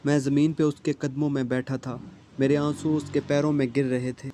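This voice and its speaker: A man narrating an emotional first-person love story with a steady, even delivery. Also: fairly high pitch, a little hiss or hum.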